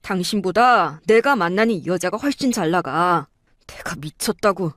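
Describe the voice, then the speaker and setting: A woman's voice: lowish voice, animated, moderate pace, a bit bright, dry recording, studio quality, voice pushed down. A woman voicing an arrogant, contemptuous cheating husband in a dramatized story, sneering and boastful.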